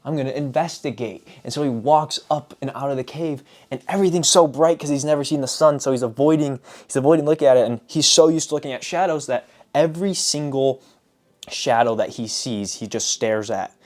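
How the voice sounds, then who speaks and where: A man casually summarizing lessons from books, telling stories in an animated way with repeated filler phrases. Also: medium pitch, fairly quick. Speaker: book reviewer. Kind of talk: casual book summary vlog.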